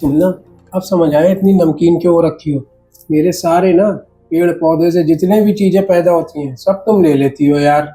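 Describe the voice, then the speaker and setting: A woman's voice: lowish voice, normal speed, mellow, soft background music. A woman acting a teasing, whiny partner in a comedy sketch. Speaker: comic actress.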